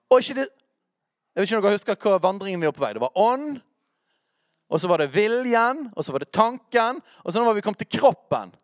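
High, lively-voiced preacher man. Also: no room sound, clean studio sound. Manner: talks straight to listeners, checks in with quick questions. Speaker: preacher teaching on worship. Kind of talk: conversational teaching sermon.

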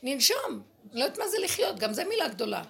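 A woman's voice: sits high, sing-song, vocal fry, a bit bright. A woman sharing spiritual experiences with a small group, impassioned and exasperated, often repeating her words. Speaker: group sharer.

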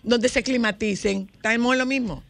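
A woman hosting a radio talk show, teasing her co-host with quick rebuttals and strings of repeated denials. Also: fairly high pitch, gravelly. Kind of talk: casual studio banter.

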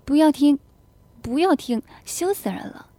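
Shy young wife done by a woman reader, high breathy voice, pleading, dry sound. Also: lively intonation, a little slow, warm tone, no echo.

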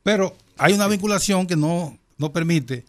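A man with a Caribbean Spanish accent speaking in a panel discussion, haltingly, repeating words as he builds his point. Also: high voice. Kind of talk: panel discussion on current affairs.

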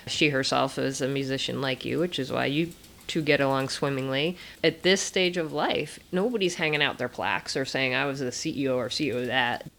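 Deep-voiced lady host, chatty, lots of "mm-hmm" and "oh i like that". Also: a little fast, vocal fry, fairly bright tone. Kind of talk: casual interview chat.

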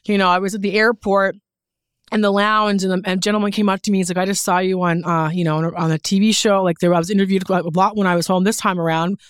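Speaking fast in a smooth, medium-pitched voice with fairly even intonation, this interview guest is a fashion photographer and creative director from Newfoundland with a Canadian accent. She chats candidly and emphatically in a casual studio interview, and there's no room sound.

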